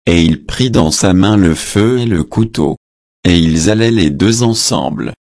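Slow, deep-voiced man reading scripture. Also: lively intonation, a little mellow, no room sound, clean studio sound. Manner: measured and solemn, announcing verse numbers and reading translator notes aloud. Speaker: scripture reader. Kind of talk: verse-by-verse Bible reading.

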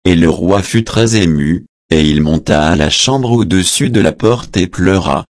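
A man reading scripture aloud in a measured, solemn way, announcing verse numbers and adding short translation notes. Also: deep voice, lively intonation, no echo, clean studio sound. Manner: adds short translation notes between passages.

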